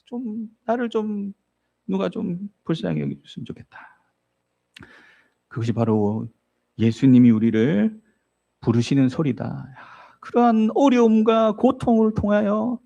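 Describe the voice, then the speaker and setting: A male pastor preaching with a high, lively voice that swoops up and down. His tone is dark and mellow. He tells the story vividly and keeps asking the listeners questions. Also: lo-fi sound. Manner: asks the congregation rhetorical questions. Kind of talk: sermon.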